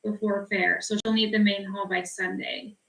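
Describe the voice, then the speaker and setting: A woman's voice: mid-range voice, level tone, normal speed, creaky, a bit bright. A woman giving scheduling information in informal meeting talk. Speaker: meeting participant. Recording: distant, roomy meeting microphone.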